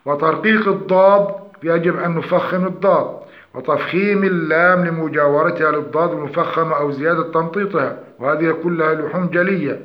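Guy teaching tajweed, kinda high voice, dull lo-fi sound. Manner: explains errors then demonstrates slow drawn-out recitation. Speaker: Quran recitation teacher. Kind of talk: tajweed lesson. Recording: echoey dull lo-fi room.

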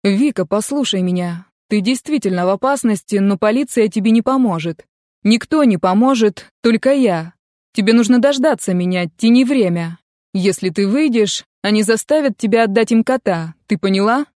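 A woman's voice: medium pitch, animated, normal speed, darkish tone, no echo, clean studio sound, lightly acted. A woman reading the part of a tired, cagey young man speaking over the phone. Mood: urgent. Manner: weary, evasive.

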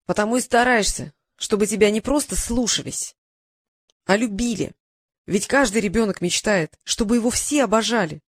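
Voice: mid-range voice, moderate pace, dry recording, clean studio sound, lightly acted. A reader doing a snide young apprentice mage. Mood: scornful. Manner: mocking, lecturing, sarcastic.

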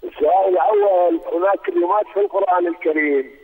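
A halting caller speaks over the phone in a fairly high, husky voice. His words come through a narrow, tinny line. A long echo trails behind each phrase. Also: very animated. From Iraq.

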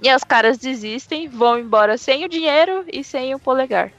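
A woman casually retelling a fairy tale in a slangy, laughing, animated way. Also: high voice, a little fast, muffled recording, soft background music. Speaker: podcast host. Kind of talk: casual storytelling chat.

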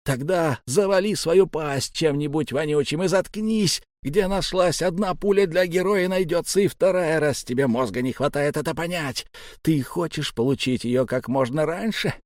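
A man reading an audiobook aloud and voicing a foul-mouthed, threatening sailor with a rough manner. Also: medium pitch, big pitch swings, measured pace, hardly any pauses, no echo, clean studio sound. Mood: menacing. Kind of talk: audiobook character voice.

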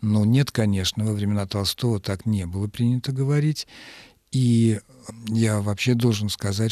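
Measured male radio language expert. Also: lowish voice, a little mellow, no echo, studio quality. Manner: measured, explanatory, with hesitations. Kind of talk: radio call-in answers. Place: radio studio.

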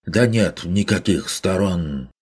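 A man voicing an indignant male merchant who blusters loudly in outrage. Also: low voice, slow, husky, pitched above the performer's own voice, full character voice. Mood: insistent. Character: indignant loud middle-aged male merchant. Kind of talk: audiobook character voice.

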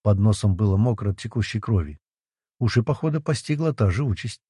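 A man's voice: on the low side, lively intonation, fairly quick, warm tone, husky, no echo, studio quality. A man narrating an audiobook.

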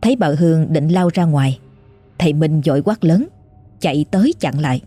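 A woman narrating a scripted ghost story with a measured, suspenseful delivery. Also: sits low, animated, warm tone, breathy edge, dry recording, soft background music.

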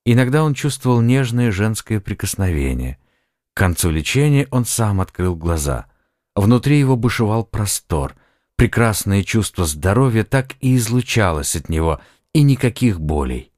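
Male audiobook narrator, very deep voice, dry close studio sound. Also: very animated, normal speed, a little mellow, no echo. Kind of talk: scripted narration.

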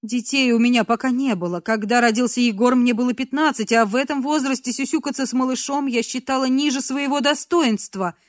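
Woman narrating a dark novel, dry close mic. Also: fairly high pitch, brisk, hardly any pauses, no echo. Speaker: audiobook narrator. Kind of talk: first-person novel narration.

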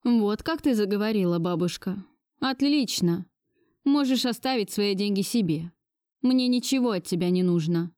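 A woman's voice: mid-range voice, expressive, normal speed, mellow, no room sound, studio quality, lightly acted. A woman voicing a defiant young man who bitterly stands up to his grandmother. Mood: resolute. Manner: bitter, resolute outbursts. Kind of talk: audiobook dialogue reading.

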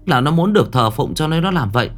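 A man's voice: fairly high pitch, expressive, quick pace, soft background music, voice pushed up, lightly acted. A man doing a dramatic, scheming psychic. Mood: dramatic persuading. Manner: raised, dramatic, persuasive. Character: scheming psychic-team leader filming a crowd.

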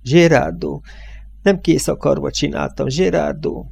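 A man's voice: a little high, gravelly, darkish tone, breathy edge, pitched above the performer's own voice, heavily acted. A man reading an audiobook voices a desperate young woman begging her departing lover. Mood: pleading. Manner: imploring, urgent.

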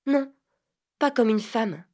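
A woman's voice: expressive, slow. Woman doing a cool, hurt teenage girl. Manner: soft, cryptic, higher voice.

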